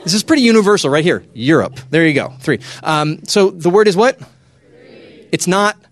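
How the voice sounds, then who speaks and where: A man giving a lively, joking talk to a young audience, often hushing and settling the crowd. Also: high-pitched, normal speed. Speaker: youth speaker.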